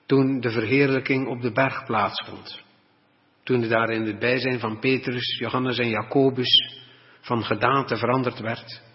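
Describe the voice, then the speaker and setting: A man preaching a sermon, reading Bible passages in a deliberate, old-fashioned way and explaining them. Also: medium pitch. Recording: dull lo-fi recording with long reverb.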